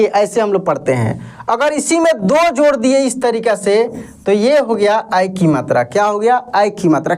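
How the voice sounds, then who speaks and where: A man's voice: extremely high pitch, darkish tone. A man teaching an online lesson, patiently asking questions and answering them himself while reassuring learners. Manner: reassuring, tells learners not to worry. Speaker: Hindi teacher.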